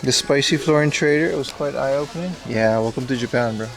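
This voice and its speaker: A man's voice: medium pitch, a little fast, vocal fry. A man chatting casually and laid-back as he hosts a livestream while browsing a busy store. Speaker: livestream host. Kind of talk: casual chat, IRL livestream commentary. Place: busy retro game store. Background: shop music.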